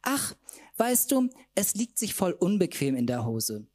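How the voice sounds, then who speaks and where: A man's voice: high voice, very animated, a little slow, darkish tone, no room sound, pitched above the performer's own voice, full character voice. A man voicing a boisterous, tipsy female drag queen friend, squealing and cheeky.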